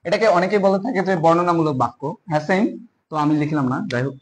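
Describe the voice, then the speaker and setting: A man giving a casual spoken grammar lesson, spelling terms out letter by letter and stretching key words slowly. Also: a little high. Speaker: teacher.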